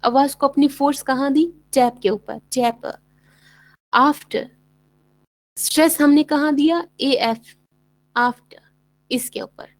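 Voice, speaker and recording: A woman with a Pakistani accent giving a bilingual English lecture, explaining in Urdu-Hindi and reading English lines slowly and deliberately. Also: high voice, no echo, poor audio. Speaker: English teacher.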